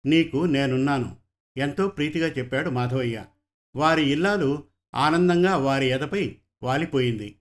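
A man narrating a story in a calm, measured way. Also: on the high side. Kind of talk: scripted narration.

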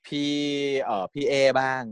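A man's voice: moderate pace, dry recording. Chatty man recapping a show. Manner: chatty, giggles often, acts out quotes. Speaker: series recap host. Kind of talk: casual storytelling recap.

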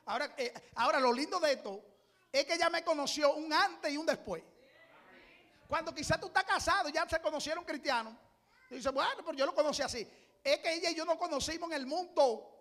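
A middle-aged man preaching in a strikingly high voice. He builds to loud, impassioned cries, repeats his phrases again and again, and then drops back into plain talk to tell his stories. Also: a little fast. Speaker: pastor. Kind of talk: sermon.

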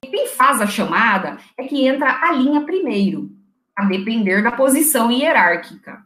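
A woman trainer who talks loudly and teaches office phone manners, acting out short phone exchanges as she goes. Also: fairly high pitch, sing-song, normal speed, reverberant, faint music behind. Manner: loud, didactic, acts out phone dialogue. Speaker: secretarial trainer. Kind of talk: instructional interview answers.

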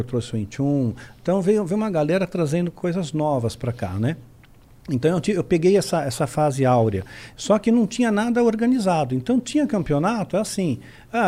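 A man, a podcast guest telling a story in a lively way. He acts out the dialogue and tags nearly every sentence with a quick question. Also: fairly high pitch. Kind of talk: storytelling in a casual podcast chat.

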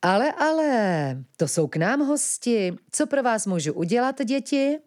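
A scheming gentlemanly villain from a children's story, mock-courteous and gloating, as a woman puts him on. His sugary politeness swings up and down in pitch. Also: big pitch swings. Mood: oily politeness.

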